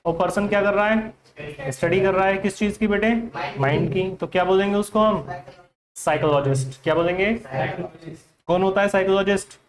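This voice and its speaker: A man's voice: high voice, moderate pace, crowd noise. A man with an Indian accent teaching an English vocabulary class in Hindi, quizzing his students with repeated questions. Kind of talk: classroom lesson.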